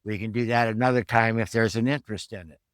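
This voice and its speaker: A man's voice: lowish voice, fairly even intonation, fast, no room sound, clean studio sound. A man in his seventies giving a plain-spoken, explanatory vlog talk at home, in an informal instructional style. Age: 70s. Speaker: fitness trainer and rehab vlogger.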